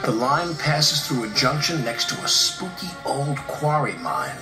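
Storybook narrator, man, lively expressive reading, roomy echo, music underneath. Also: mid-range voice, unhurried. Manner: expressive, animated voice acting.

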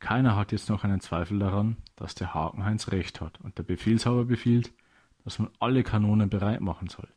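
A man reads a scripted children's story in a storyteller's manner. His slightly low voice has a husky, unpolished grain and a darkish tone, and he keeps a steady tone at a fairly quick pace.

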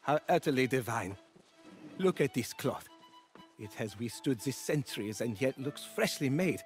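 A man's voice: medium pitch, animated, moderate pace, soft background music, close to an everyday voice. A man voicing an effusive, dandyish cloth enthusiast in a fantasy video game, gushing and flowery in manner. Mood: delighted.

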